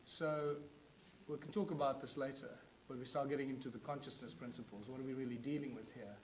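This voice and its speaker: A man's voice: medium pitch, steady tone, a little fast, echoey room, slight background noise, rough recording. A man giving a lecture with a hands-on demonstration, explaining in a loose, rambling way with fillers and restarts.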